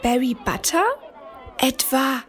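A woman's voice: high-pitched, flat delivery, slow. A woman voicing a bubbly female radio reporter talking to her listeners. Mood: eager.

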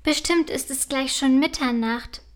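A woman voicing a curious, kind little princess girl in a storybook, speaking gently and slowly. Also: sits high. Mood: dreamy.

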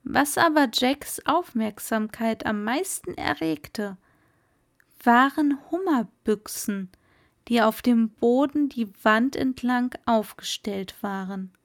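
A woman reading a fairy tale aloud in a slow, measured storyteller manner. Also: fairly high pitch, no echo, clean studio sound.

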